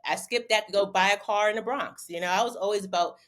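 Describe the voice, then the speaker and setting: A young woman from Connecticut talks with a lot of energy as a guest in a casual interview. She is an animated storyteller who doubles up her words when she gets going, and her voice sits at a middle pitch. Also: quick pace. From Bridgeport, Connecticut. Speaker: interview guest, former basketball player turned model.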